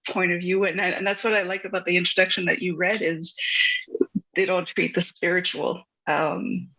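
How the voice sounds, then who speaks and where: Woman interview host, bright and a bit breathy, dull lo-fi sound. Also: fairly low pitch, flat delivery, moderate pace. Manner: warm, appreciative, with small restarts. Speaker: podcast host. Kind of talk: casual interview chat.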